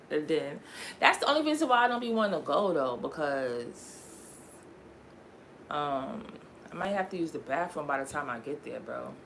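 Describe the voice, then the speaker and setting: A woman's voice: deep voice, fairly bright tone, a little hiss or hum. A young woman raised in Connecticut, chatting casually on her livestream in a rambling, slangy way and laughing often. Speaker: livestream host.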